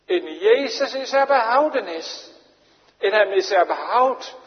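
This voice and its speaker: A man preaching a sermon as pastor, solemn and slow, with repeated phrases. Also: high voice, animated. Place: church. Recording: dull lo-fi recording, long church reverb.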